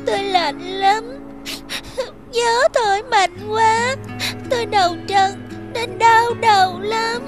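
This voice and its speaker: A woman voicing a poor, timid young shepherd girl in an animated fairy tale. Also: extremely high pitch, slow pace, long pauses, music in the background. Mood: tearful. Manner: tearful, timid speech. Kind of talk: cartoon dub acting.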